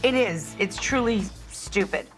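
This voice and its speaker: A woman's voice: medium pitch, animated, measured pace, over music. A middle-aged woman hosting a cooking show, chatting enthusiastically to viewers while she demonstrates a recipe in a studio kitchen.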